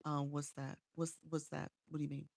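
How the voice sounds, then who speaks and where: Speaking a little fast in a deep, gravelly, level voice, a woman from Chicago gives live streamers advice in a relaxed livestream. She reads out viewer comments and responds, saying "um" often. Her small home desk mic yields studio-quality audio with no echo.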